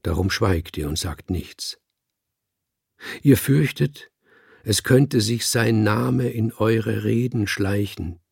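A man's voice: fairly low pitch, gravelly, a little mellow, breathy edge, dry recording, studio quality, heavily acted. A man reading an audiobook and voicing a male cat who preaches to other cats in a sonorous, solemn manner. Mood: grave. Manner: sonorous, slow and grave like a sermon.

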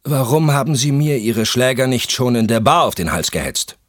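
A man voicing a calm, firm private investigator in an audiobook. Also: mid-range voice, moderate pace, no room sound, studio quality, voice pushed up, close to an everyday voice.

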